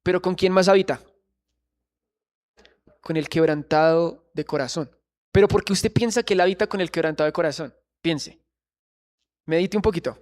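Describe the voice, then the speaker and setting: A man's voice: fairly high pitch, moderate pace, long pauses, a little mellow. A man preaching a sermon in church, earnestly questioning the congregation.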